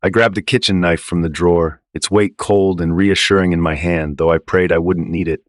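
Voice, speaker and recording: A man reading a first-person horror story in a low, tense storytelling manner. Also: fairly even intonation, normal speed, no echo, clean studio sound. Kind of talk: scripted first-person narration.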